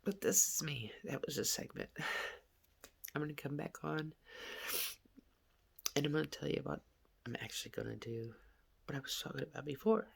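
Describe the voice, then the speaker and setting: A woman's voice: low-pitched, normal speed, creaky, long pauses, a little hiss or hum. A middle-aged woman speaking candidly and emotionally into her phone at home, as a confessional vlogger. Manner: emotional, swinging between animated venting and tearfulness. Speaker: vlogger and mother. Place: living room of a small house.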